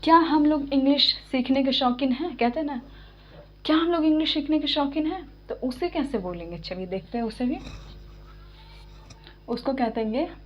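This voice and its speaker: A woman with a slightly high voice teaches spoken English, taking it slowly and patiently and pausing to check that her learners follow. The recording sounds somewhat dull and lo-fi. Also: lively intonation, slight background noise. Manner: patient, repeats and checks understanding.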